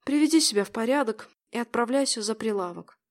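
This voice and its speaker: A woman voicing a calm, quiet young man. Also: on the high side, quick pace.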